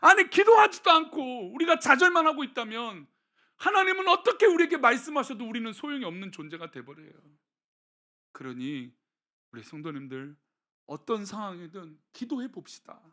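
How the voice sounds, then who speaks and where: High, bright-voiced preaching pastor. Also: male voice, sing-song, moderate pace. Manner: emphatic, shifting between raised exhortation and soft hushed appeals. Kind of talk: sermon. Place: church.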